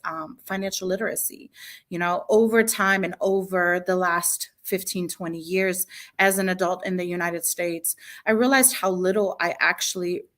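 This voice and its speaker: A woman's voice: on the low side, a bit bright. A woman in her late thirties from Bosnia, a guest business consultant telling her story in a panel talk. She speaks earnestly and eagerly, with many fillers.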